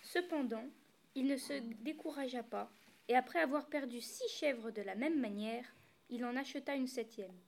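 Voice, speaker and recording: A woman reads a storybook aloud carefully and evenly. Her voice is a little high. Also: moderate pace, vocal fry, darkish tone, a little hiss or hum. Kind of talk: storybook reading.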